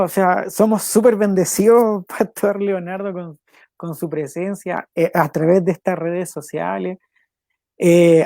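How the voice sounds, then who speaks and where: A man's voice: high-pitched, dark tone, dry recording, clean studio sound. Earnest man hosting a worship show. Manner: earnest, repeats phrases, quick asides, laughs now and then. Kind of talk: casual devotional talk and spoken prayer.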